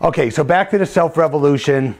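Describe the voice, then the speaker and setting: A middle-aged man speaks as a therapist in a lecture-style talk, his voice sitting a little higher than usual for a man. He pauses often and fills the gaps with "uh" and "um." He also restarts many of his phrases before finishing them. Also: darkish tone. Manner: halting, many fillers and restarts.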